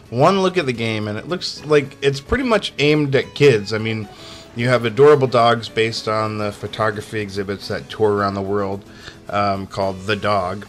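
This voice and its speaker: A man's voice: on the low side, normal speed, soft background music. A man giving a casual, sarcastic video game review voice-over, chatty and amused, often breaking into laughter. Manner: sarcastic, chatty with many fillers.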